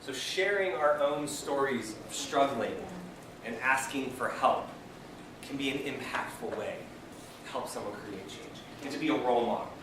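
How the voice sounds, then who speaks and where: A man leading a peer education training session in a training room, speaking energetically and asking the group questions. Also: mid-range voice. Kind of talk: classroom training lecture. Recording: echoey room, mic far off, background noise.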